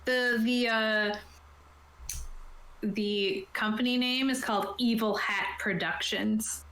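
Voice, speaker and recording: A woman game master explains tabletop game rules casually and conversationally. Her fairly high, fairly bright voice is slow with fairly even intonation, and the recording sounds roomy and echoey.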